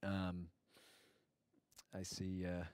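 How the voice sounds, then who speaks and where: A livestream host with a low-pitched voice speaks very slowly with a completely flat delivery, his tone clean in clean studio sound with no room sound. He hosts a casual chat, warmly greeting viewers by name and rambling with many fillers and restarts.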